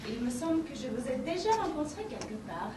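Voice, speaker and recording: A woman's voice: high-pitched, very animated, far from the mic. A woman playing a prim, puzzled English wife. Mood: wondering. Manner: measured, formal and wondering. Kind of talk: amateur stage acting. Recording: echoey stage from afar, noisy.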